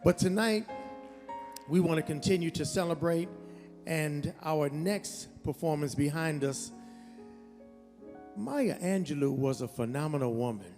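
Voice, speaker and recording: A man's voice: on the high side, measured pace, pauses often, a little mellow. Earnest man emceeing in a reverberant hall. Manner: earnest, hesitant with restarts. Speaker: concert emcee. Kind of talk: event speech to an audience. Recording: long hall reverb, faint music.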